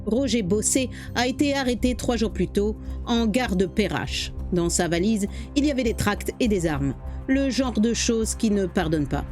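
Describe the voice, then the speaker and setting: A woman telling a dramatic true story as scripted narration, with expressive delivery. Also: medium pitch, moderate pace, few pauses, soft background music.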